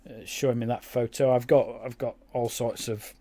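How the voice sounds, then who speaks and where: A man's voice: mid-range voice, fairly even intonation, normal speed, warm tone. A man giving casual, rambling commentary over his own gameplay, with many fillers and restarts. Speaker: game YouTuber.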